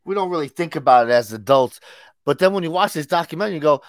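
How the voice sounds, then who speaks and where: A man's voice: fairly high pitch, animated, fast talker, no room sound, clean studio sound. A man co-hosting a pop culture podcast in casual chat, laughing often and agreeing with his partner. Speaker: podcast co-host.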